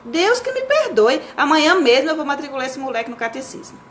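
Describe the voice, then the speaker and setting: A woman's voice: on the high side, animated, moderate pace, a bit bright, a little hiss or hum. Woman doing a flustered, scolding mother. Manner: indignant, scolding.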